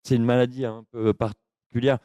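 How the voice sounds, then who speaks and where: A man's voice: medium pitch, flat delivery, moderate pace, warm tone, clean tone, no room sound, voice pushed down, close to an everyday voice. A man putting on a confused, lonely sick patient who stammers and trails off in a prank phone call. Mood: muddled.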